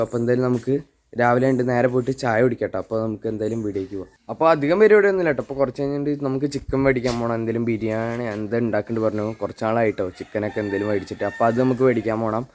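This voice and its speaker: A man's voice: medium pitch, darkish tone. A young man with a Thrissur Malayalam accent vlogging casually, mixing English words into Malayalam and often addressing his viewers. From Kerala, India. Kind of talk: casual day-in-the-life vlog. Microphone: handheld camera or phone without external mic.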